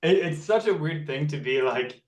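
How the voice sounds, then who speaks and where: Recorded from afar with a roomy sound, a young man from Norway talks at normal speed in a fairly high, expressive voice. As an actor and model on a casual interview, he reflects earnestly and often restarts what he is saying.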